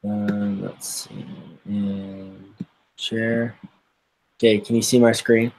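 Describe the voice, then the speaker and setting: A man's voice: fairly low pitch, flat delivery, slow pace, a little mellow, low-quality recording. Young man talking on a video call. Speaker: student in a study group. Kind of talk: casual chat while working problems. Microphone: computer mic on a video call.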